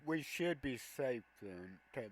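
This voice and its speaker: A man talks slowly through a video game walkthrough, his voice at an everyday middle pitch. He explains each control and move plainly, one step at a time. A faint hum sits under his voice. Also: expressive, poor audio. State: has the hiccups. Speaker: gameplay video host. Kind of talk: gameplay walkthrough commentary.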